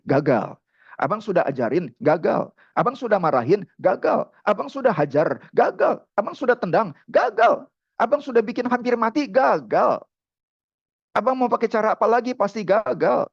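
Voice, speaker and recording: A man's voice: high voice, sing-song, moderate pace, vocal fry, breathy edge, no echo, highs cut off, pitched above the performer's own voice, heavily acted. A man playing a worried neighbour who pleads with an angry father to stop. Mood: urging. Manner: pleading, urgent.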